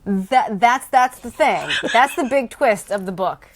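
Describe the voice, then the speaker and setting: An American woman co-hosting a casual, comedic book podcast recorded in an attic, with a playful, halting delivery. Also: on the high side, lively intonation. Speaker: podcast co-host.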